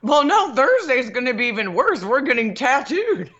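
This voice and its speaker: A woman's voice: sits high, big pitch swings, moderate pace, fairly bright tone, dull audio. A woman co-hosting a radio show and a mother, chatting in a rambling way with frequent fillers. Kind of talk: casual radio banter.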